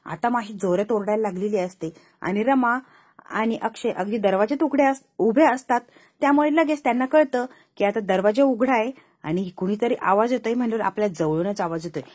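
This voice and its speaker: Husky woman recapping a TV serial. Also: mid-range voice, a little fast, darkish tone. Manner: retells scenes, voicing each character's lines herself. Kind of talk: casual storytelling recap with acted dialogue.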